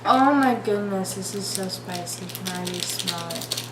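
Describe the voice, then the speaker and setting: A woman's voice: mid-range voice, moderate pace. Young woman in very noisy echoey room. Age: young adult. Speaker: vlog co-host. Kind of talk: casual chat.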